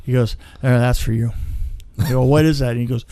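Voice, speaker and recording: Here a man with a warm, medium-pitched voice tells relaxed anecdotes from behind the scenes of films, drawing on his time as a crew veteran for a podcast. He talks fairly quickly with fairly even intonation, acting out the conversations he recalls.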